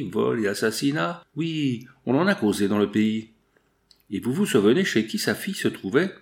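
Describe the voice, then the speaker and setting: Man narrating a classic novel. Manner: reads all parts, shifting pitch for each character. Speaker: audiobook narrator.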